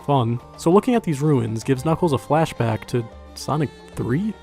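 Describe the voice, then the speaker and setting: A man's voice: mid-range voice, sing-song, normal speed, a little mellow, soft background music. A man reviewing a video game in casual, conversational scripted narration, with wry, sarcastic asides.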